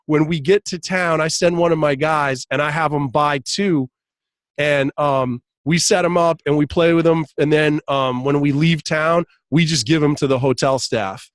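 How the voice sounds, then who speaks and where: A man's voice: on the high side, moderate pace, no room sound. A man telling a story in casual podcast chat, laughing often and acting out quoted lines. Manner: animated, laughs often, acts out quotes in raised voice. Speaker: podcast guest, hypnotist.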